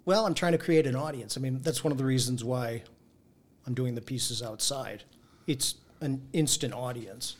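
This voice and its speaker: Husky-voiced hesitant male artist. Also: mid-range voice, moderate pace. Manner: hesitant, modest. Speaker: artist guest. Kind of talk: radio interview guest.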